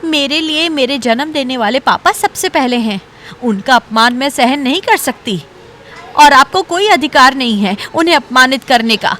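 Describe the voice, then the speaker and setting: A woman's voice: high voice, normal speed, fairly bright tone, slight background noise. A woman voicing an earnest young daughter-in-law who stands up for her father in a cartoon story. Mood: defiant. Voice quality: earnest, firm. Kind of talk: cartoon voice acting.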